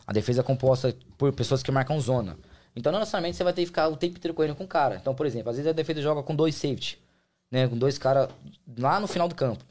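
Very fast-talking Brazilian man explaining a sport. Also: mid-range voice, darkish tone. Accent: Brazilian Portuguese. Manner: slangy, colloquial, explains with examples. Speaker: guest, American football player. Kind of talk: casual podcast interview, explaining the sport.

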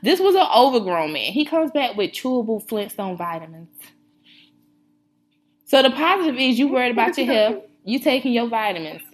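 Lively Southern woman, high animated voice. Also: normal speed. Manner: animated, laughing, slangy storytelling. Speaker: podcast co-host. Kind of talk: casual chat.

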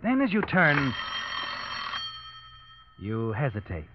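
A man narrating a 1940s radio drama in the second person, brooding and measured. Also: medium pitch, wildly swooping pitch. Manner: brooding, measured, addresses the hero as you. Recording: dull old radio broadcast with music.

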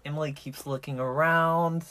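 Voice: medium pitch, steady tone, normal speed, bright, forceful tone. Sassy, campy podcast host inside a closet. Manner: campy, sassy, profane slang. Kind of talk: casual chat and true-crime storytelling. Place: small clothes-filled closet in an apartment. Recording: recorded inside a closet among clothes.

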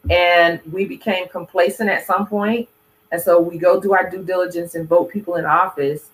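A host in casual conversation, explaining points in a measured way. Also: medium pitch, steady tone, low-quality recording.

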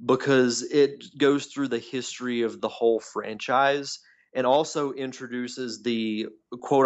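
A man co-hosting a podcast in casual, enthusiastic chat, heard through a tinny, metallic-sounding phone line. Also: mid-range voice. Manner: enthusiastic, rambling fan talk. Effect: tinny, metallic tin-can phone-line sound. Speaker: podcast co-host. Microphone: phone call.

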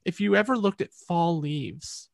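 A woman guest telling an animated personal story in an interview over a video call, acting out the voices of people in it. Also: fairly low pitch, measured pace, creaky, dry recording. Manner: expressive, acts out quoted voices.

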